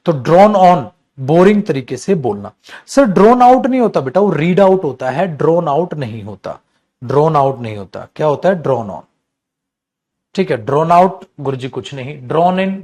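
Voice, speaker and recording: Animated male English teacher. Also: a little high. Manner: animated, addresses students as "beta", reads sentences slowly and stretches words. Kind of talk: online exam-prep lesson.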